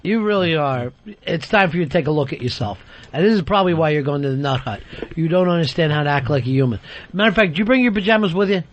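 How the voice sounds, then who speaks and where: A male radio host in a studio, needling his guests in loose, profane banter and laughing as he goes. His voice sits a little high for a man. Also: expressive, quick pace, dull audio, a little hiss or hum. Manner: teasing, profane, laughs often.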